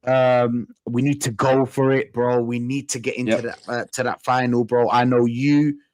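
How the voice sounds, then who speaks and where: A man's voice: mid-range voice, flat delivery, normal speed, darkish tone. A man with a London roadman accent hosting a casual football fan live stream, using urban slang and repeating phrases for emphasis.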